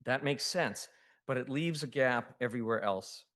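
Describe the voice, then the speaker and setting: A man's voice: mid-range voice, moderate pace, fairly bright tone. Man reading a formal prepared statement. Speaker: resident giving public comment. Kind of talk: prepared public comment statement. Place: city council chambers.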